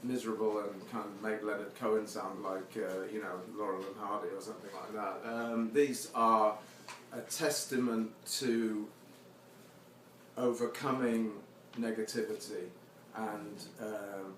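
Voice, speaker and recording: In a steady, lowish tone and at a measured pace, a poet presents his own work at a live reading, chatting informally between poems with wry humour aimed at himself. The captured sound is far off, with echo and crowd noise from the seated listeners' venue.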